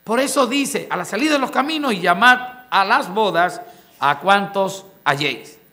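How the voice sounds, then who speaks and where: A man's voice: high voice, lively intonation, normal speed, pushed and bright. A man preaching a sermon, reading scripture aloud and explaining it to the congregation, often asking them rhetorical questions. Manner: expository preaching, reads scripture then explains word by word. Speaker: pastor.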